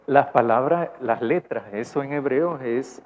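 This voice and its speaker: A man with a Salvadoran accent preaches at church in a medium-pitched voice, going a little slowly. As pastor, he keeps the sermon conversational, questioning the congregation and tagging "¿verdad?", and the lo-fi recording sounds dull with faint noise.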